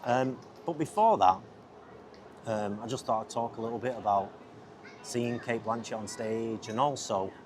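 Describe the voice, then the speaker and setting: He has a mid-range voice and speaks at normal speed while hosting a podcast on a busy city riverside. A filmmaker, he is chatty and easily distracted, frequently cutting himself off. The lapel mic recording is full of loud outdoor noise.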